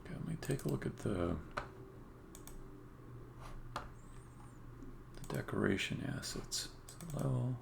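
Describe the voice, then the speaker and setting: A man streams himself developing a game, hesitantly thinking out loud in casual live-coding talk. His mid-range voice is expressive and creaky, and he takes it slowly with long pauses, against faint noise and the sound of typing and clicking.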